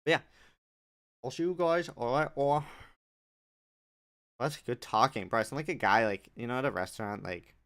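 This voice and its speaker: Gravelly-voiced young man rambling on tangents. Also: medium pitch, animated, brisk, a bit bright. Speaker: podcast host. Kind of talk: solo casual podcast chat.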